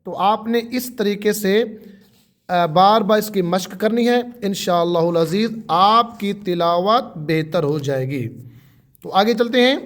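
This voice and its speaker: A man teaching a Quran tajweed lesson, drawing out single letter sounds and explaining each one patiently. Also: sits high. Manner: drawn-out letter sounds for pupils to repeat.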